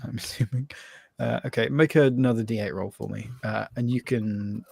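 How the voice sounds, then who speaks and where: A man's voice: medium pitch, steady tone, normal speed, gravelly, a little mellow, slightly rough. Laughing man running a tabletop game. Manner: laughs often, loose and rambling. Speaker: game master. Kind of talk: live tabletop game narration.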